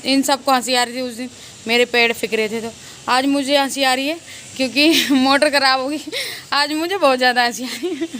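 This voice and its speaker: Outdoors in open weather, a woman vlogs to her viewers in a casual monologue, gloating and laughing often. Her voice is high and fairly bright, with slight background noise.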